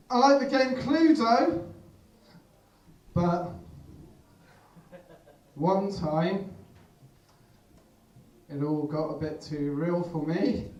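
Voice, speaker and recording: A man performing live stand-up comedy, delivering deadpan one-liners and leading the audience in call-and-response. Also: high-pitched. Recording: roomy live room, far from mic, crowd noise.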